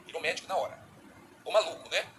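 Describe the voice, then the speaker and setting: A middle-aged man with a Brazilian Portuguese accent preaching a sermon as a bishop, animated, acting out little dialogues. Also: fairly high pitch, quick pace, a little hiss or hum, poor audio.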